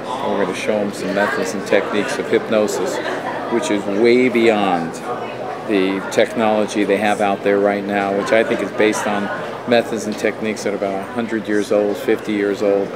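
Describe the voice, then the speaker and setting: A man's voice: lowish voice, little pitch movement, moderate pace, recorded from a distance, over a noisy crowd. A man in his fifties speaking emphatically and repetitively to camera as a hypnotist promoting his training. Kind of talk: promotional talk to camera and live demonstration. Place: hotel room and airport, indoors. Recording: roomy echoing camera sound.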